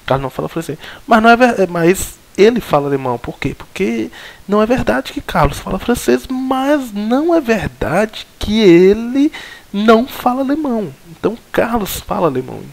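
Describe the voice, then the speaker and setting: Hesitant Brazilian man teaching logic. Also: on the high side. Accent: Brazilian Portuguese. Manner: hesitant, many fillers and restarts, explaining step by step. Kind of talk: recorded logic lesson.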